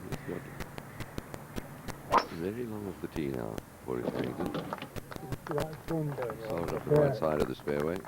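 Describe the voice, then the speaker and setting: Very deep, gravelly male golf commentator. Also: very animated, moderate pace, pauses often. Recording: very noisy outdoor broadcast sound.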